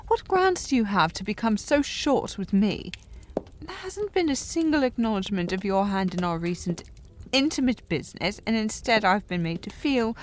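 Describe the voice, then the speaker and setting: In a historical romance audio roleplay, a woman plays a haughty, slightly tipsy young upper-class lady in intimate one-sided dialogue. Her diction is prim and formal, her slightly high voice breathy and often sinking to a whisper, with slight background noise.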